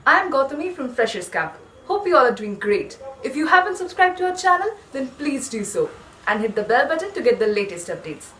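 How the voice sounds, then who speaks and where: A woman gives an instructional presentation. Her voice is high and very animated in its intonation. She lays out advice point by point, recorded in an echoey room. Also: a little fast. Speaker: presenter of a tips channel.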